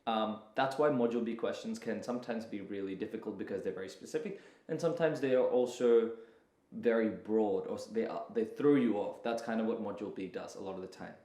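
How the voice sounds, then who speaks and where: A young man who talks students through exam questions in a relaxed, chatty way, with plenty of fillers and restarts. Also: on the low side, brisk, echoey room. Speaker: tutor. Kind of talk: casual tutorial.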